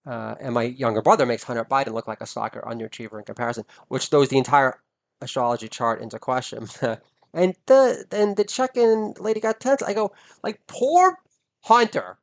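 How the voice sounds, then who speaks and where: A middle-aged man, a comedian, delivering a foul-mouthed, indignant rant that swings between muttered asides and shouted outbursts. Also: medium pitch, vocal fry. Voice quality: swears heavily, rising into indignant shouting. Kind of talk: ranting stand-up monologue.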